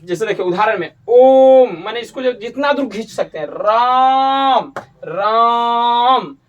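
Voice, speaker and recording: High-voiced man teaching grammar, off-mic. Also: expressive, fast, far from the mic, muffled recording, slight background noise. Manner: explanatory, repeats points, corrects himself. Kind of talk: classroom-style grammar lesson. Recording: voice from away from the mic.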